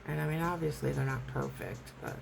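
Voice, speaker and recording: A woman with a rough, raspy smoker's voice gives a casual, rambling, self-deprecating hands-on tutorial as an amateur host. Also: extremely low pitch, fairly even intonation, fairly quick, over music, low-quality recording. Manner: rambling, self-deprecating, loses train of thought.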